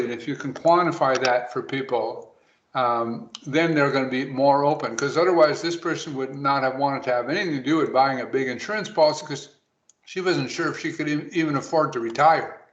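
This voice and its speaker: A man giving a webinar presentation to financial advisors, talking quickly and briskly. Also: on the high side. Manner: brisk, rapid delivery. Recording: roomy, dull lo-fi audio.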